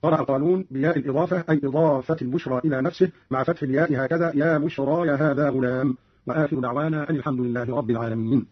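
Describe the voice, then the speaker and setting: Fast-talking, husky male radio presenter. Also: mid-range voice. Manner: brisk, explanatory, formal. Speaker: radio presenter explaining recitation readings. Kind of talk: scripted scholarly commentary. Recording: dull lo-fi radio broadcast.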